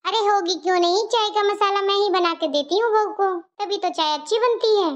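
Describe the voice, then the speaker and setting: A woman's voice: extremely high pitch, a little fast. A woman voicing a fussy older mother-in-law in a cartoon story, scolding and bossy. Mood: doting. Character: old scolding mother-in-law, bossy toward her daughter-in-law. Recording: dull lo-fi audio.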